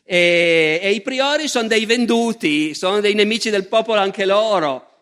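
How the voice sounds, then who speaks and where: A man giving a public history lecture in an animated, conversational way, speaking straight to his audience. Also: sits high, moderate pace. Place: large festival lecture hall. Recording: long hall reverb.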